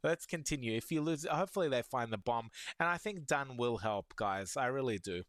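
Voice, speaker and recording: A man hosting an anime reaction, talking casually and excitably to his viewers, rambling with many restarts. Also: mid-range voice, a little fast, no room sound. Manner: excitable, talks to viewers as "guys".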